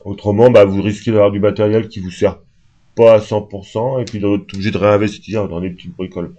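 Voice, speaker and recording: A man's voice: lowish voice, little pitch movement, fairly quick, warm tone. A man talking casually and unscripted to camera, rambling and hesitant with lots of fillers, only just awake. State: just woken up. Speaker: vlogger. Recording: dull lo-fi home recording.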